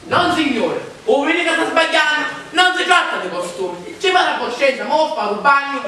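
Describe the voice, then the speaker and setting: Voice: sits high, animated, normal speed, sharp tone. An actor with a Sicilian accent playing a cornered, evasive common father in a comic stage farce, protesting theatrically and pleading. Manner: theatrical, pleading, dialect-laden. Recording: echoey hall, distant mic, audience noise.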